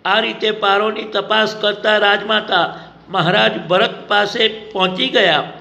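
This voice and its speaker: A man reading a novel aloud as a narrator, in a measured, steady storytelling manner. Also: high voice, gravelly. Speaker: audiobook narrator.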